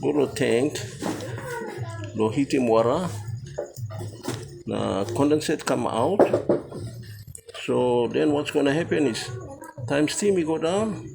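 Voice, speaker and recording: A man teaches informally in a Papua New Guinean accent, slipping between English and Tok Pisin pidgin. His mid-pitched voice has a gravelly creak and comes in short, halting phrases, with music playing behind it. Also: rough recording. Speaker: instructor. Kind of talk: informal technical lesson.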